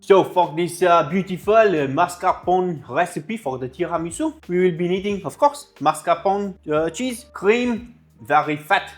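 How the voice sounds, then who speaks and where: A man's voice: sits high, lively intonation, unhurried. A man in his thirties with a French-style foreign accent, hosting a casual recipe demonstration in a playful, joking manner. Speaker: cooking show host. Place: indoor kitchen with steel fridges. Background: music.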